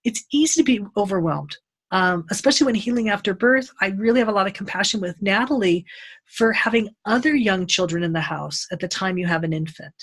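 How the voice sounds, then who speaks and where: Husky middle-aged lady teaching, lively, does little voices for people. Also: medium pitch, brisk. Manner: animated, acts out quoted voices. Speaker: Ayurveda teacher. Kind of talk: unscripted teaching talk.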